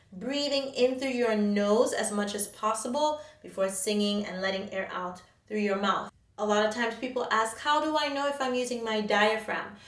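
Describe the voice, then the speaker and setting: A woman vocal coach explaining singing warm-ups step by step, patient and instructive. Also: mid-range voice. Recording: roomy sound, mic at a distance. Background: faint piano.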